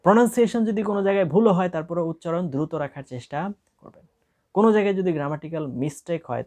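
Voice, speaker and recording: A young adult man with a Bangladeshi accent gives a spoken lesson on an English speaking test, slipping English phrases in among his explanations. He talks at a brisk clip with a gravelly edge to his voice. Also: on the high side, a little mellow.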